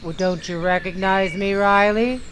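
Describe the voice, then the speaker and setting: A woman as Digby O'Dell, slow, genteel undertaker. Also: medium pitch, fairly even intonation, a bit bright, a little hiss or hum, close to an everyday voice. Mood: courtly, ghoulishly cheerful. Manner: formal, drawn-out, florid. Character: genteel, morbidly cheerful male undertaker friend. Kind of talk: old-time radio comedy acting.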